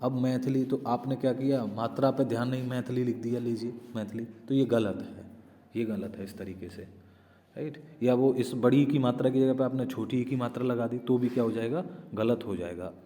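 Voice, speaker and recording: A man's voice: mid-range voice, normal speed, mellow, long reverb tail. A man teaching an exam-prep spelling lesson, explaining step by step and often asking and answering his own questions.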